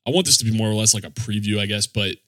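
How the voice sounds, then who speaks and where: A man's voice: lowish voice, racing, fairly bright tone, no room sound, studio quality. A man chatting casually as a music podcast host in slangy, swearing bro talk. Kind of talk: casual chat.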